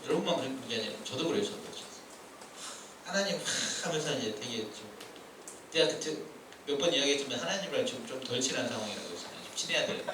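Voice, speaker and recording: A man preaching a sermon to high-schoolers in a casual, conversational way, asking them questions and acting out complaining voices. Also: lively intonation, a little fast, noisy background. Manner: conversational, asks the students questions; acts out complaining voices, shifting loud and soft. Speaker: youth pastor. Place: church hall. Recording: echoey room from far off.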